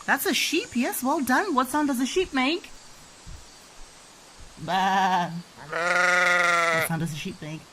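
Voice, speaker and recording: A woman's voice: medium pitch, expressive, takes it slowly, pauses often, pushed and bright, a little hiss or hum. A young woman giving a playful children's language lesson as a mother, with encouraging, sing-song questions and repetition. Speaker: mother teaching her toddler.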